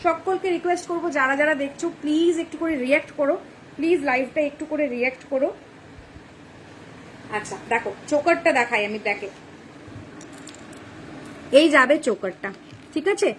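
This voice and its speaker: She's young, high-voiced, and talking quickly, running a chatty live-stream sales pitch captured on a phone camera. Slight background noise is present, and she often checks in with "ঠিক আছে?".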